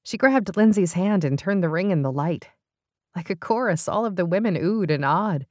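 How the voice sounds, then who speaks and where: A woman narrating an audiobook in an expressive, smooth storytelling manner. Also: on the low side, normal speed, no room sound, studio quality.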